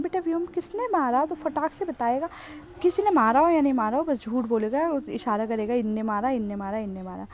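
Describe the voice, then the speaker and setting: Young woman vlogging, chatty and fond, kinda high voice but soft and mellow. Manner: chatty and fond, teasing about the kids. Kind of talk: casual vlog narration.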